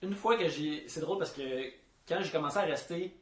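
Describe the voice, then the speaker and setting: A man's voice: on the high side, brisk. A man from Abitibi with a regional Quebec French accent, telling anecdotes in casual conversation. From Abitibi, Quebec, Canada. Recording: roomy, echoey room sound.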